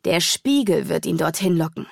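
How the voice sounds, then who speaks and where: Woman reading a calm measured sage. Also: lowish voice, vocal fry, no room sound, studio quality, exaggerated voice.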